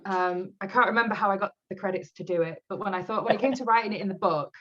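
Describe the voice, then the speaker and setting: A woman's voice: mid-range voice, fast, dull audio, slight background noise. A woman author chatting in an interview, telling stories with frequent laughter. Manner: laughs often, animated storytelling. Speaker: author guest. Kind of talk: casual interview chat.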